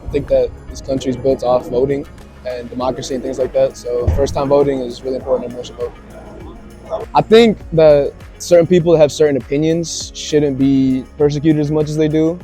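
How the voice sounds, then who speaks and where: A teenage man, a high school senior, giving earnest, plain-spoken interview answers. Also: fairly even intonation, fairly quick, warm tone, faint music behind. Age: teens. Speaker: student interviewee.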